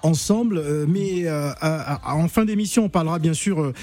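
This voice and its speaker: A man's voice: a little high, normal speed, a little mellow. A man from Cameroon hosting a radio show, chatting with callers and a guest in a jovial, teasing way. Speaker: radio host. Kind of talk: casual radio chat with callers.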